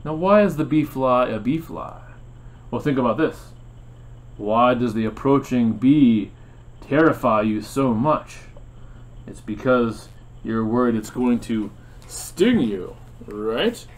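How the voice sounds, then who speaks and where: A man's voice: mid-range voice, animated, slow. A man hosting a playful educational explainer, asking dramatic questions and chuckling often, with hesitant fillers. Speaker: host. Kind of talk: educational explainer about insects.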